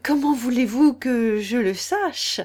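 A woman's voice: fairly high pitch, moderate pace, darkish tone, close to an everyday voice. A woman voicing a bold young girl in an audiobook, speaking firmly and decidedly. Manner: firm and decided. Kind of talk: audiobook character reading.

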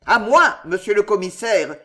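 A reader doing a loud, curt gendarme sergeant. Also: male voice, high voice, sing-song, a little slow, full character voice. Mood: commanding. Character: commanding male gendarme sergeant, brisk.

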